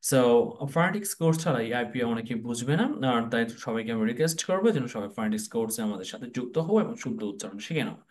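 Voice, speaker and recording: Bangladeshi man teaching English pronunciation. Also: medium pitch. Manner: repeats each word slowly several times, mixing English words into his speech. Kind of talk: spoken lesson with repeated model words.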